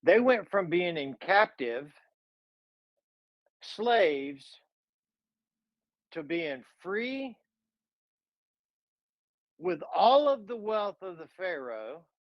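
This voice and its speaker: A man's voice: sits high, sing-song, extremely slow, pauses often, no echo, highs cut off. Fervent man retelling scripture. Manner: fervent, dramatic retelling with repetition. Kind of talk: preaching-style storytelling.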